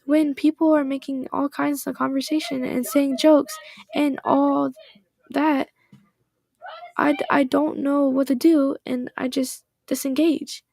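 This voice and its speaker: A woman reads a shy, bookish teenage girl who stumbles over her words and apologizes. The voice is soft and hesitant, a touch high, recorded close and dry. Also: level tone, a little slow, vocal fry, dry recording. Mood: earnest. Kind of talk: reading game dialogue aloud.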